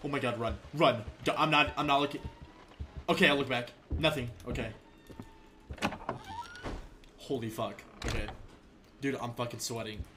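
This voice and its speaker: A man's voice: medium pitch, moderate pace, pauses often. A man streaming a horror game with jumpy commentary, swearing a lot and shrieking when startled. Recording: noisy with mouse clicks.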